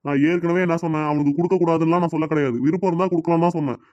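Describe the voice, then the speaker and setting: A man voicing a protective middle-aged cartoon father in Tirunelveli Tamil, gentle with his daughter and scolding with his wife. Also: fairly high pitch, fairly even intonation, very fast, no room sound, muffled recording, lightly acted. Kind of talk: cartoon dialogue.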